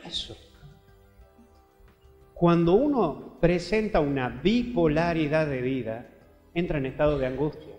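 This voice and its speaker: A Paraguayan priest with a high-set voice delivers a lively homily, talking straight to the listener and acting out little dialogues. His voice rings through a roomy hall with a long reverb tail. Faint music sits underneath. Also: unhurried, long pauses. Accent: Paraguayan Spanish. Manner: animated, acts out quoted dialogue; colloquial, addresses listener directly. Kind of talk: homily reflection.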